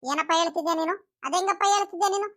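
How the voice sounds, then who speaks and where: A woman's voice: very high-pitched, very fast, fairly bright tone. A woman voicing a bewildered, pleading young married daughter in a comedy cartoon. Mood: outraged. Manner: pleading, questioning. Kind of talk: village comedy cartoon acting.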